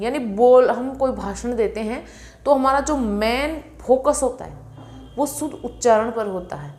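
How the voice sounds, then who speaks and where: A woman's voice: on the high side, a little mellow. Confident woman teaching exam tricks. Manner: confident, repeats key terms slowly for memorising. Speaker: Sanskrit teacher. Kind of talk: exam-prep lecture.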